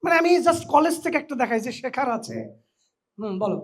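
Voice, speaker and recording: Energetic man teaching pronunciation. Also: extremely high pitch, fairly quick, husky. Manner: energetic, teasing, mixes in English phrases. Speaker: English pronunciation trainer. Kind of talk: lively classroom lecture with a live audience. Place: college orientation hall.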